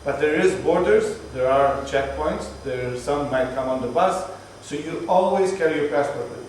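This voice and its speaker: A Palestinian tour guide from Jerusalem, his voice a little high and darkish at normal speed, talks a group through the sights, chatty and patient in his explanations and joking along the way. Recorded on a moving bus, he sounds distant and echoey over faint road noise.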